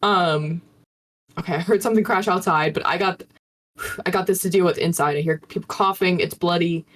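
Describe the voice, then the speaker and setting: A woman's voice: on the low side, moderate pace. Playful woman player. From New York. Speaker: player in a tabletop game. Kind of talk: casual role-play chat.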